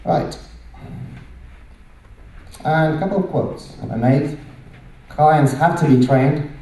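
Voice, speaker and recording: A middle-aged Latvian man with a Latvian accent gives a conference presentation in a large indoor hall, speaking slowly in a rather high, dark-toned voice. He uses emphatic short phrases and rhetorical questions into a handheld microphone, and the hall is very echoey, making him sound distant.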